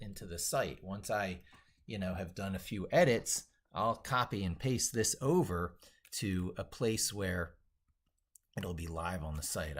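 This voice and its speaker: A man hosts a casual tech livestream as an educator, rambling and thinking aloud while working at his computer and reading on-screen text out. His voice is low and a bit bright.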